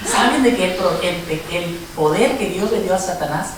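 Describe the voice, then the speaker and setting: A woman's voice: lowish voice, lively intonation, moderate pace, a little hiss or hum. Emphatic woman preaching in echoey hall. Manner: emphatic, rising to exhortations. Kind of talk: sermon. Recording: echoey hall from far off with congregation. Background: congregation responding.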